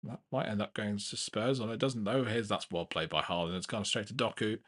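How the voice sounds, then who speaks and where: A young man hosting a live football watchalong, giving casual play-by-play with frequent restarts and getting excited at big chances. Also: fairly low pitch, fairly quick. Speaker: watchalong host.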